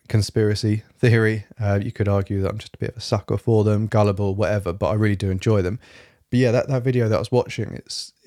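At home on a quiet evening, a young podcast host chats alone in a lowish, fairly monotone voice with a slightly rough throat. His talk wanders, packed with fillers and restarts, captured at studio quality without any room sound.

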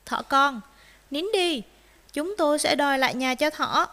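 Woman reader as yappy storybook puppies, high and bright, eager. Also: a little slow, big-room sound. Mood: kind. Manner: yapping, excitable. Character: pack of small noisy dogs, eager and timid.

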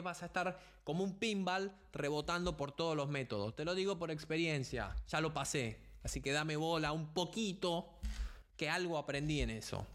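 A man's voice: fairly high pitch, a bit bright. A young man with a Rioplatense Spanish accent giving an emphatic motivational business talk, speaking straight to the listener. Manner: emphatic, punchy, addresses the listener directly. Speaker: podcast host.

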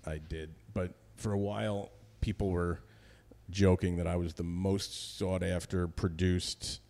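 A middle-aged man from New Jersey, a podcast guest in casual chat, loose and profane and quick to laugh. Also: low-pitched, flat delivery, gravelly, mellow.

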